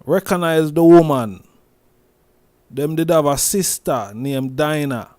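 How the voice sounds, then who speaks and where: A Jamaican man hosting a loose commentary monologue, speaking slowly with a mellow, warm tone. He circles back on his words, restarts and repeats phrases often. The sound is dry and close. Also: on the high side, no room sound. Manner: slow, repetitive, with many restarts and "you see me?". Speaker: host.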